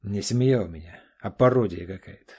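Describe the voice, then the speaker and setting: A man voicing a tired, tipsy middle-aged man with a gruff, confessional way of talking. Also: on the low side, fairly quick, mellow. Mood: gruff, weary. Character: weary drunk man, middle-aged, lovesick.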